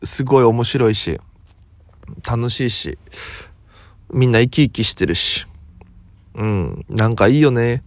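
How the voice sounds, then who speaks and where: A young comedian from Okinawa, just woken up, telling a rambling story in a relaxed solo talk. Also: male voice, mid-range voice, a little slow, pauses often, no echo. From Okinawa, Japan. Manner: relaxed rambling storytelling, quoting others as he goes. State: just woken up, voice lower than usual.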